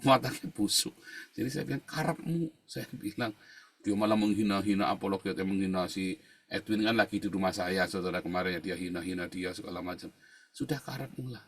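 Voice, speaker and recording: Husky tinged pastor preaching. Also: male voice, low-pitched, little pitch movement, fairly quick. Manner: conversational preaching, constantly addressing listeners as brothers and sisters; swings from quiet asides to loud emphatic outbursts. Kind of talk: sermon with personal testimony.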